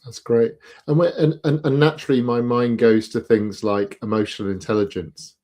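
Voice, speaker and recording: A male host with a mellow, relaxed tone. He answers with short words of encouragement and then puts the next question to his guest. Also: mid-range voice, normal speed. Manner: brief encouraging interjections, reads audience questions. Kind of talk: interview host.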